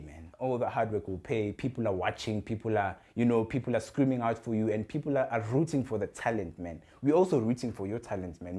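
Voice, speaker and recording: A man's voice: on the low side, a little mellow. A young man with a South African accent co-hosting a youth podcast, talking casually, repeating words and mixing English with Zulu. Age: young adult. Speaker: podcast co-host. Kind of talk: casual chat.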